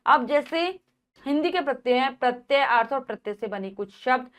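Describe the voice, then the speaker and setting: A woman teacher reading out a grammar lesson, going through word lists in a steady rhythm and stopping to explain. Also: high voice, moderate pace. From India.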